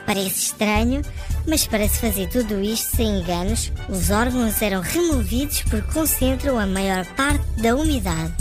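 A friendly young know-it-all, acted by a woman, teaching children from a script. The voice is somewhat high and explains patiently, with music behind it. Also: natural voice. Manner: clear explaining, greets young listeners. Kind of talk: scripted children's educational narration.

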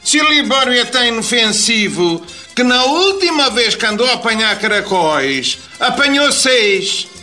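A man's voice: extremely high pitch, sing-song, moderate pace, sharp tone, soft background music, exaggerated voice. A man playing an easygoing, dismissive father in a radio comedy sketch.

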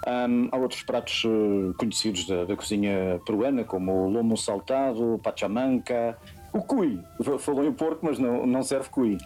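Podcast host, calm conversational interviewer, mid-pitched voice. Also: moderate pace, faint music behind. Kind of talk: casual interview chat.

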